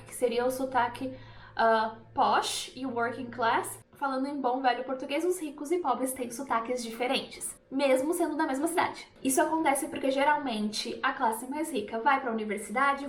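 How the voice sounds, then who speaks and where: Woman, from Brazil, English teacher, chatty explanations, higher voice, echoey room. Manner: chatty explanatory, demonstrates pronunciations. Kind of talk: YouTube language lesson.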